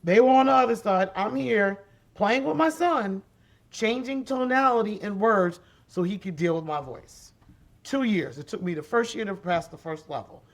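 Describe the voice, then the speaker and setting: A woman with a deep, raspy voice appears as a podcast guest and special education advocate, telling stories in a conversational interview. She speaks at normal speed, animated and emphatic, and repeats key phrases.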